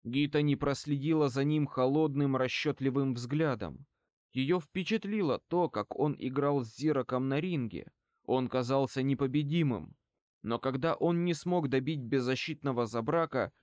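A male audiobook reader narrates in an even, measured manner. His voice sits in a typical middle male range. The recording is dry and close, with no room echo. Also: mid-range voice.

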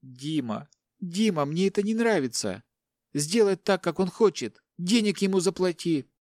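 A man's voice: on the high side, wildly swooping pitch, drawn-out words, a little mellow, no room sound, clean studio sound, voice pushed up, heavily acted. A man voicing a weak, frightened middle-aged woman, speaking faintly and pleading in a raised voice.

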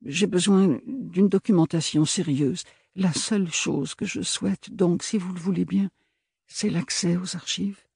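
A man reading aloud, voicing a reserved young woman who speaks quietly and flatly in a storybook. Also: sits high, a little slow, gravelly, breathy edge, no room sound, clean studio sound, voice pushed up, full character voice. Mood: firm. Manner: quiet, flat, composed. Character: calm, reserved young woman, soft-spoken.

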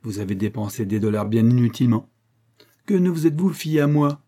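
A man voicing a calm, mocking newspaper director in an audiobook, businesslike and unshakably composed. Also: mid-range voice, brisk, natural voice. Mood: cool. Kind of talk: audiobook character reading.

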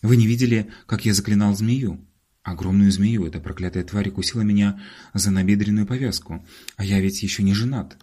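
A man's voice: on the low side, fairly quick, husky. A man voicing an exuberant, blunt young male entertainer in an audiobook. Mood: boastful. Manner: loud, excitable, blunt.

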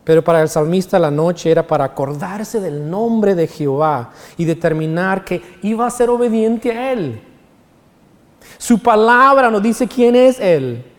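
Male pastor, sermon delivery, higher voice, reverberant hall sound. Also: animated, unhurried. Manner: preaching with sung quotes of songs.

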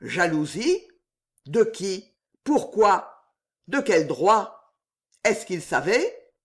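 A reader narrating an audiobook in a slow, expressive storytelling manner. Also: medium pitch.

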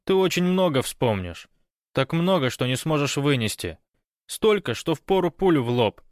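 A man's voice: on the high side, very animated, moderate pace, no room sound, studio quality, pitched above the performer's own voice. A man voicing a fierce, agitated younger man who talks in a raised, strained voice. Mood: ominous.

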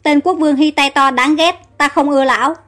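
A woman's voice: high-pitched, fairly even intonation, brisk, a bit bright, soft background music. A woman voicing a desperate, loyal young captive woman with a pleading, emotional manner in a storybook reading. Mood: defiant.

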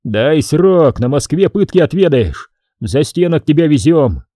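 A man's voice: on the high side, sing-song, measured pace, mellow, dry recording, clean studio sound. A man playing a stern, angry boyar. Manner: harsh, scolding, commanding.

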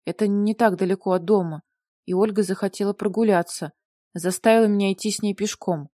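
A woman's voice: medium pitch, steady tone, fairly quick, warm tone, dry recording, studio quality, lightly acted. A woman voicing a distraught young husband in an audiobook, agitated and pleading. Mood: flustered. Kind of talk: audiobook character voice.

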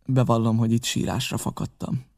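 A man reading a novel aloud in measured, even audiobook narration. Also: mid-range voice. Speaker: audiobook reader.

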